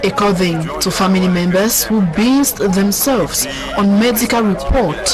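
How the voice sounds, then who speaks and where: A woman's voice: medium pitch, unhurried. A woman reading scripted news narration as a reporter. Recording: music and crowd behind voice-over. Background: music and crowd sounds.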